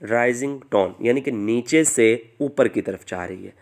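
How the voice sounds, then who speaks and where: A man's voice: mid-range voice, unhurried. Man teaching by repetition. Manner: asks himself questions and repeats answers. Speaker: language teacher. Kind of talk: online lesson narration.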